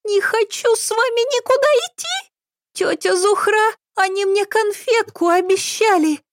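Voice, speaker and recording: A squeaky, childlike old lady. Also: a little slow, a little hiss or hum. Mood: terrified. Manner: whimpering, sing-song. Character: frightened elderly woman speaking in a childish squeaky voice.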